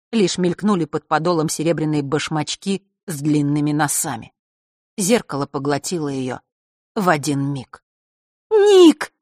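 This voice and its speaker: A woman reading a fantasy novel aloud in a steady, expressive way. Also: fairly low pitch, no echo, clean studio sound. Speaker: audiobook narrator. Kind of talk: scripted fantasy narration.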